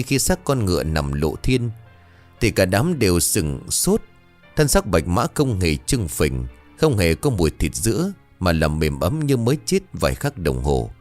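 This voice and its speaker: Deep-voiced man telling a ghost story. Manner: dramatic, expressive. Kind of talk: scripted ghost story narration. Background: faint music.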